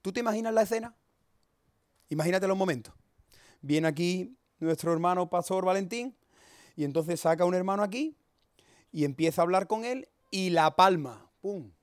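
A man preaching, with a high voice. He is fiery and emphatic, and swings from loud warnings of judgement into quick, humorous storytelling. The sound is close and dry. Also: no room sound. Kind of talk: sermon.

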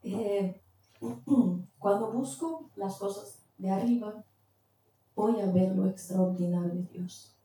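A woman's voice: mid-range voice, slow pace, long pauses, dark tone. A woman preaching a sermon, telling a testimony and now and then stopping to search for the right word. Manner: searches for words mid-sentence. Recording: very echoey, distant from the mic.

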